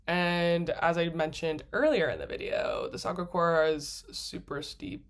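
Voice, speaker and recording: Woman travel vlogger with a lower register, chatty and gushing, quick to laugh mid-sentence. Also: very animated. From United States. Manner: acts out her own past thoughts in quoted asides. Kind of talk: casual storytelling to camera.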